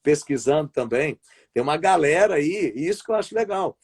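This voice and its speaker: A Brazilian wrestling commentator and play-by-play announcer talks a little fast in an expressive voice that is a little high, a little mellow, and husky. The setting is a casual live-stream interview over a video call. He rambles and keeps restarting his sentences.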